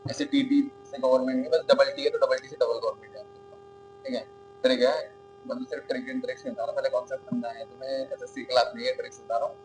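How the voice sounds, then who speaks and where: A man's voice: mid-range voice, expressive, fast talker, music in the background, low-quality recording. A man with an Indian accent giving a classroom lecture, asking his students questions and answering them himself, often checking in with "okay?". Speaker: teacher.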